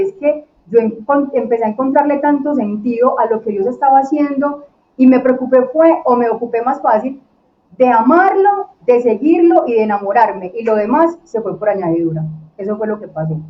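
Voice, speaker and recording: A woman, a podcast guest telling her own story in a casual, lively way and acting out what people said to her. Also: on the high side, moderate pace, reverberant. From Colombia. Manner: lively, acts out quoted dialogue. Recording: dull lo-fi recording with faint noise.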